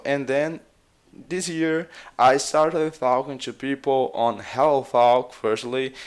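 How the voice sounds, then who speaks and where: Speaking with a clean tone at a medium pitch, this language vlogger from Brazil shares relaxed advice on picking up languages in his Brazilian Portuguese accent. A native Portuguese speaker, he's hesitant, says "uh" a lot, and goes over the same things more than once.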